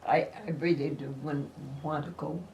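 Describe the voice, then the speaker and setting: A woman's voice: sits low, fairly even intonation, normal speed, a little mellow, muffled recording, slight background noise. An older woman, a retired waitress, chatting casually at home in a plain-spoken way with a slight lisp. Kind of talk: casual chat. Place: living room at home.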